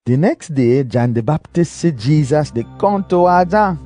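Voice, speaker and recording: A man's voice: fairly high pitch, lively intonation, moderate pace, warm tone, faint music behind. A man with a Belizean Kriol accent, narrating a scripted story.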